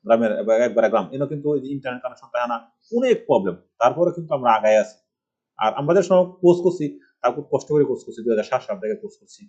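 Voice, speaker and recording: A man's voice: mid-range voice, a little mellow, husky, muffled recording. A middle-aged man from Bangladesh teaching a rambling computer tutorial, asking rhetorical questions as he goes. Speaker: computer course instructor. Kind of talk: screen-recorded computer tutorial. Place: village home.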